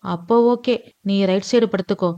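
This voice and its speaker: A woman voicing a kind, easygoing young husband who talks in a relaxed, friendly and reasoning way in an audio love story. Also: mid-range voice, moderate pace, natural voice. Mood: playful. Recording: dull, dry lo-fi recording.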